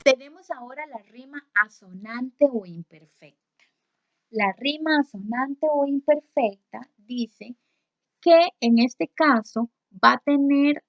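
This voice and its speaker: A woman teaching a step-by-step lesson at a very unhurried pace, her voice sitting a little high. She drags out word endings and checks in with her listeners again and again. The recording is dry and dull, with no room sound. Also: vocal fry, no echo. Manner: patient, stretches out word endings; checks in with frequent rhetorical questions.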